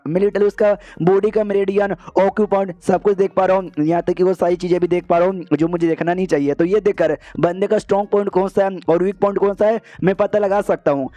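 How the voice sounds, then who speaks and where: High-voiced chatty male recap narrator. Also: dark tone, dry recording. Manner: slangy, chatty. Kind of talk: casual anime recap narration.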